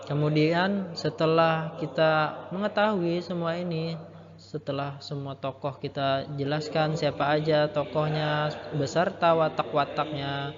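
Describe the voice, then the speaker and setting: A man teaching a lesson, explaining step by step with patient repetition and a habit of ending phrases with a soft "ya". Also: fairly high pitch. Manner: explains patiently, repeats key points, ends phrases with "ya". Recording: muffled, roomy with long reverb and crowd behind.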